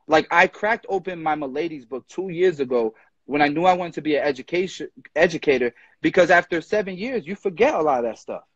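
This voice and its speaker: A young man speaks with a somewhat husky, fairly high voice, pressing his points with passion and quick restarts. His voice comes close and dry through a phone held at arm's length, and the sound is dull and lo-fi. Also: animated, dry recording. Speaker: barber educator, live stream host. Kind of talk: casual live chat. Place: indoor room with ceiling fan. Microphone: phone front camera at arm's length.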